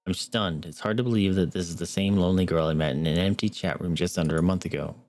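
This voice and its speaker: The low, steady voice of a young streamer comes through fast and a little mellow, with no echo. He's reading a visual novel aloud in earnest, adding wry asides as he goes.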